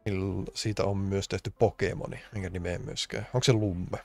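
A man from Finland streams a game and talks in a casual, rambling way, full of jokes and grumbles. His voice is low and gravelly, with plenty of fry. Faint game music plays behind him. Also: steady tone, darkish tone. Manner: rambling, joking, complaining. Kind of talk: casual let's-play commentary.

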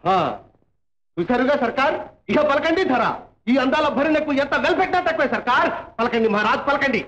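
An actor playing a loud, flattering male auctioneer who calls out bids and urges buyers on, in old film dialogue. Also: very high voice, a little fast, echoey room, muffled recording. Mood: hawking.

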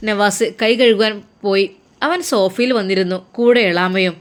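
A woman's voice: mid-range voice, moderate pace, clean tone. Malabar-accented woman narrating a story. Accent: Malabar Malayalam.

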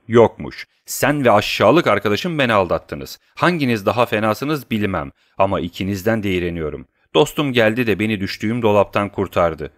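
A man reading an audiobook, voicing an idle gentleman who speaks coldly and indignantly. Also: on the low side, dry recording, studio quality. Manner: cold, indignant. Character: weary, idle gentleman roused to anger.

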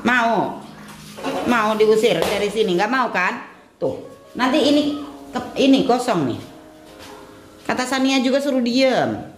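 A woman's voice: fairly high pitch, lively intonation, measured pace, long pauses, slight background noise. A woman caretaker, coaxing and scolding in a firm, repetitive, motherly way. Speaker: caretaker at a shelter. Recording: background music over speech.

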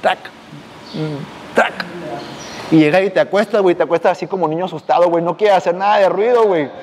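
A man's voice: sits high, racing, darkish tone, in a large hall, a little hiss or hum. A man hosting a podcast, telling a personal story in slangy, casual speech. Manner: slangy, drops "güey" constantly, acts out voices. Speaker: podcast host.

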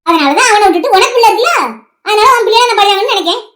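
A woman's voice: very high-pitched, animated, racing, a bit bright. A performer voicing a vengeful, scheming old village woman in a cartoon, speaking in a taunting, scolding way. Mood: scornful. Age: older. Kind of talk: animated cartoon voice acting.

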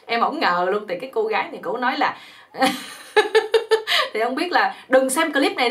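A woman's voice: on the high side, a bit bright. A woman, the host of her channel, telling a humorous folk poem in a chatty, exclamatory way. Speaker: channel host, joke teller.

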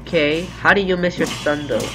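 A man's voice: on the high side, normal speed, over music, rough recording. A young man with a sore throat giving casual commentary as he plays a video game.

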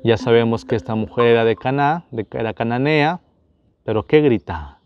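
A man's voice: medium pitch, moderate pace, clear, resonant tone, lo-fi sound. A man, a priest, running a Bible quiz for his viewers, asking each question, repeating it, and speaking to them directly.

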